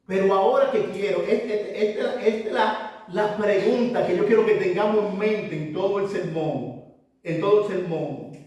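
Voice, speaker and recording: A man's voice: high-pitched, moderate pace, darkish tone. A man preaching a sermon, emphatic and urging his listeners, often repeating phrases. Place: church. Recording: very echoey church hall, voice from far off.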